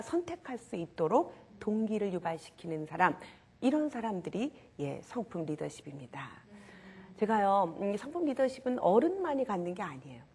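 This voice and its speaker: A woman's voice: mid-range voice, a little mellow, slightly rough. Woman lecturer leading audience call-and-response. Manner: drops to a whisper for emphasis. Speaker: character education lecturer.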